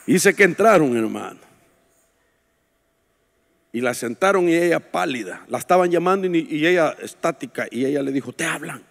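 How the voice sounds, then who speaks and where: A man preaching a sermon as a pastor, telling stories with joking asides, shouting out some lines and dropping to a hush for others. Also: on the high side, animated, moderate pace, vocal fry, long pauses. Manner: storytelling preacher, swings from shouts to hushed asides; jokes with the congregation. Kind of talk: sermon at a women's retreat. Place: church hall. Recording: long echo of a large hall.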